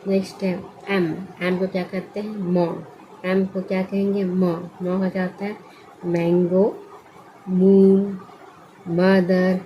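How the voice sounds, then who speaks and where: A woman's voice: mid-range voice, level tone, normal speed, dull audio, a little hiss or hum. A woman teaching English letter sounds in a classroom style, asking questions and answering them herself. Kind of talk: classroom-style pronunciation lesson.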